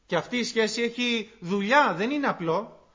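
A man with a notably high voice delivers a sermon, earnest and explanatory, pausing often as he works through scripture. The recording is dull and lo-fi. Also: lively intonation, sharp tone. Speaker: preacher.

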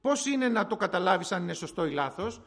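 High-voiced, gravelly Greek-speaking preacher man. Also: sing-song, fairly bright tone. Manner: conversational, telling anecdotes, asking and answering his own questions. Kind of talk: sermon.

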